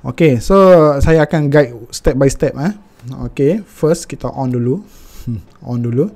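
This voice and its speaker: Mellow-voiced Malaysian man tutoring. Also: medium pitch, unhurried. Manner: mixes Malay and English, many fillers. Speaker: finance tutor. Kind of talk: step-by-step tutorial.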